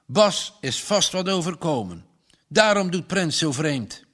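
A man's voice: on the high side, very animated, measured pace, a bit bright, voice pushed up, full character voice. A man voicing a big older farmer who speaks in an earnest, trembling voice. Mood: grave.

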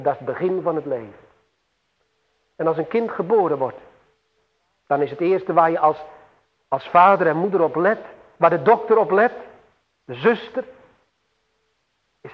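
A man preaching a sermon slowly and solemnly, with emphatic swells and long pauses. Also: on the high side. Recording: tinny phone-like radio broadcast with long hall reverb.

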